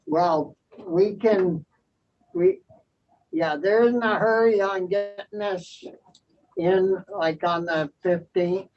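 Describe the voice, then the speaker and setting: A committee chair running a meeting over a video call, halting and full of fillers. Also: medium pitch, faint music behind. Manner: hesitant, halting, many fillers. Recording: dull lo-fi audio.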